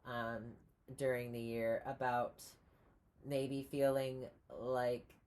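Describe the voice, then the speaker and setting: Very low-voiced woman reading tarot. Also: little pitch movement, takes it slowly, darkish tone. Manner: rambling, many ums and restarts. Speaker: tarot reader.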